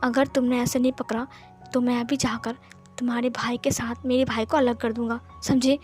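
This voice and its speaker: Woman doing a cool, possessive young man, calm commanding lines in her own high voice, faint music; storybook. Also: moderate pace, close to an everyday voice. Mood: threatening.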